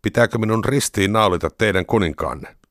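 Guy reading as a stern roman governor, low voice, measured questions, dry close mic. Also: a bit bright, no echo, lightly acted. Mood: questioning. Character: stern Roman governor, middle-aged man. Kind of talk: scripture reading.

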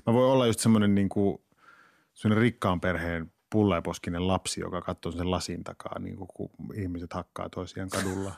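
A man's voice: deep voice, fairly even intonation, vocal fry, a little mellow, dry recording. A man talking as a podcast guest in casual chat, rambling with frequent laughs and restarts. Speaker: guest, actor and writer.

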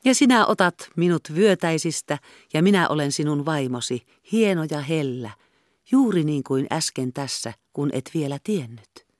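A female reader putting on a young woman who laments in a high, plaintive voice, her words rising in pitch as she pleads. The storybook recording is close and dry, with no room sound. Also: expressive, dry recording. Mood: tender. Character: tearful young woman in a brothel, pleading and tender.

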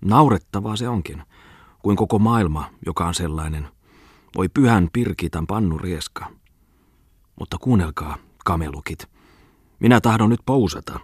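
A man voicing an excitable middle-aged man who rants in a whining, high-pitched voice. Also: pauses often, husky, no echo, clean studio sound. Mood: heated ranting.

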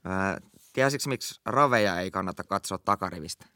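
Young guy, lowish voice, dry podcast mic, crude deadpan joke guy. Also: no room sound. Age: young adult. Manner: casual, crude, deadpan punchlines. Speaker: podcast co-host. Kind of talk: casual chat trading bad jokes.

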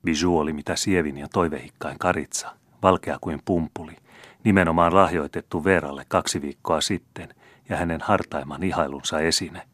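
A man narrating a classic novel as an audiobook in a measured, even way. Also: rumbling low, no echo.

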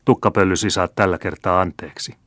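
A man's voice: low-pitched, fairly even intonation, fairly bright tone, no echo, studio quality. A male audiobook reader voicing a stern, curious old grandmother who questions sharply. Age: older. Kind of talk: audiobook character reading.

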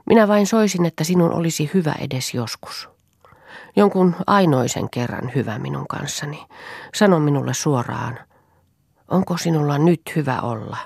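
A woman's voice: sits low, expressive, gravelly, a little mellow, breathy edge, no room sound, clean studio sound, pitched above the performer's own voice, exaggerated voice. Woman reading as a brooding, bitter young woman. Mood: sorrowful, bitter. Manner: earnest, sorrowful dramatic reading.

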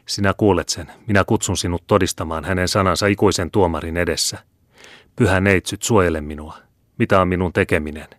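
A man's voice: low-pitched, steady tone, fairly bright tone, no echo, studio quality. A man voicing a frightened, grieving young noblewoman who speaks in a trembling, pleading way. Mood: fearful.

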